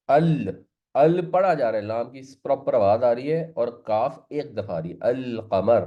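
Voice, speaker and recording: Male teacher, patient step-by-step explainer who mixes in English words, medium pitch, dull lo-fi recording. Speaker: Quran teacher. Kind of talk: classroom lesson on Arabic grammar. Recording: slightly muffled lo-fi recording.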